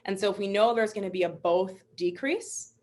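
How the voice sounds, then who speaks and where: A woman's voice: medium pitch, a little fast, a little mellow. A young woman instructor teaching a live online webinar, upbeat and encouraging, chatty with fillers. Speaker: MCAT instructor.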